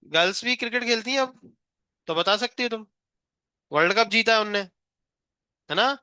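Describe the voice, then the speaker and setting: A man's voice: sits high, fairly quick, bright, forceful tone, smooth, no echo, clean studio sound. A male physics teacher in a live class, teasing and coaxing a shy student to answer, counting aloud to three.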